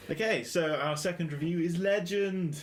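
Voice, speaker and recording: A man's voice: high voice, moderate pace. A man from London hosting a casual film review podcast, joking and often laughing as he talks. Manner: jokey, often laughing, loose and rambling. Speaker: podcast host.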